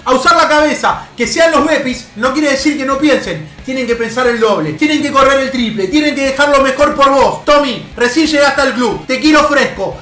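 A young man with an Argentine accent giving excitable gameplay commentary as a video game coach, cheering his players on with bursts of shouting. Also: very high voice. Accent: Argentine Spanish. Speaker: gaming YouTuber. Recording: roomy home setup with faint background music.

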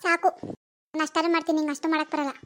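A woman voicing a teasing young village wife in a cartoon, coaxing and quick. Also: high-pitched, level tone, fairly bright tone, slight background noise. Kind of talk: cartoon voice acting.

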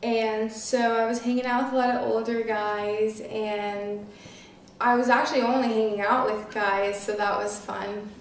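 A nineteen-year-old woman with a fairly high, flat, unhurried voice chats casually as an interview guest, sprinkling in plenty of filler words. She sits on a couch in a small living room, and the roomy recording comes from a distant mic with faint noise.

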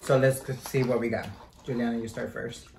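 A man chats casually while hosting an eating video with friends. He talks in a relaxed, slangy way and drops in Spanish words. His voice sits at a middle pitch, and the room adds a roomy echo. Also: a little fast, vocal fry. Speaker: host. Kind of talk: casual mukbang chat.

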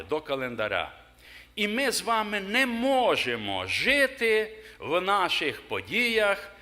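A man's voice: on the high side, sharp tone. A middle-aged man preaching a sermon in a church, stopping to ask the congregation questions and leaning hard on key words. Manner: asks the congregation questions, emphatic pauses. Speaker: pastor. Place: church hall.

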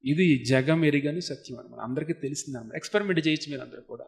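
A man's voice: fairly high pitch, very fast, creaky. A monk giving a devotional discourse to a seated audience, explaining patiently and asking his listeners rhetorical questions. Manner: recites Sanskrit verses between explanations. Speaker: monk giving a spiritual talk.

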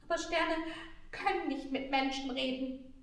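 A woman's voice: sits high, fairly even intonation. A woman voicing a small, timid shepherd boy who stammers and sobs as he speaks. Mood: doubtful. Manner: sobbing, halting, stammering. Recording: very echoey room, mic far off.

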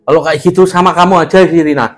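Angry scolding man, high voice. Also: fairly even intonation, fast talker. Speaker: village head candidate, father. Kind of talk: amateur village drama acting.

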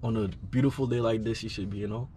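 Give me a fast-talking young man from Trinidad hosting a street prank, smooth and persistent with slang. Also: on the low side, steady tone, warm tone, a little hiss or hum.

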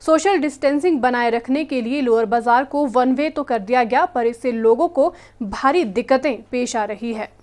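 A young woman with an Indian accent reading a scripted news report in a formal, measured way, as a news anchor. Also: fairly high pitch, darkish tone, no room sound. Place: studio.

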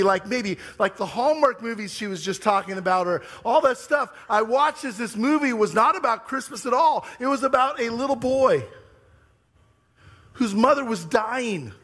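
A man in his thirties preaches from a church sanctuary, his voice pitched notably high for a man. He tells stories with lively, animated delivery, then settles into earnest sermon talk. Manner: animated storytelling, high-pitched and wailing when retelling his tears. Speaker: pastor.

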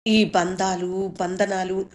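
A woman reading her own short story aloud in a measured, solemn way. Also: medium pitch, little pitch movement, a little mellow. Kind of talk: story narration.

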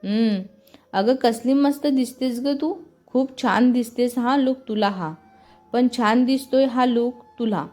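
A woman voicing a lively, chatty young woman who teases and fires off quick questions. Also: on the high side, faint music behind, close to an everyday voice. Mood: excited. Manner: bubbly, teasing, quick questions.

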